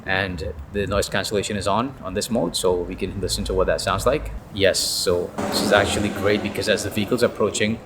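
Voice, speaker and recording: A man's voice: sits low, steady tone, a little fast, hardly any pauses. A man chatting casually as he tests gear outdoors beside a car, his voice run through a noise-cancellation filter. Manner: chatty, explains while testing gear. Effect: noise-cancellation filter processing the voice. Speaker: tech reviewer. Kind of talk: casual gear review vlog. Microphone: camera-mounted shotgun microphone.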